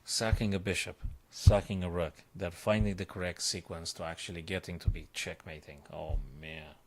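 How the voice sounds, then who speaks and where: At a moderate pace, a man with a very low, creaky voice reasons through chess puzzles live on stream. He speaks his thoughts in short bursts, repeats phrases, and breaks into excited outbursts, coach-like as he works out every move.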